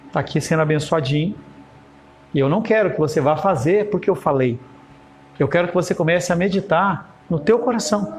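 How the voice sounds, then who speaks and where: A Brazilian man preaching in a high, bright-sounding voice, talking to his church in a conversational way and asking many rhetorical questions. He closes with a spoken prayer. A faint background noise sits under the recording. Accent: Brazilian Portuguese. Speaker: pastor. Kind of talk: sermon with closing prayer.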